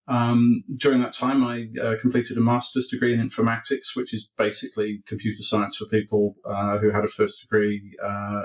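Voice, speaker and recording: Speaking into a webcam from a bookshelf-lined home office, a middle-aged Welsh man takes interview questions as a guest developer advocate. The recording is rough and his voice is mid-range; he's hesitant, restarting sentences and filling gaps with ums.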